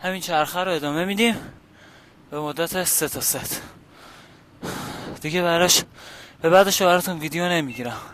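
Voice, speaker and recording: A man's voice: a little high, fairly bright tone. A man talking casually and informally to viewers in a workout vlog, addressing them directly as he goes. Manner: informal, addressing viewers, calling out exercises and reps. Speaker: vlogger. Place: outdoors on a house rooftop.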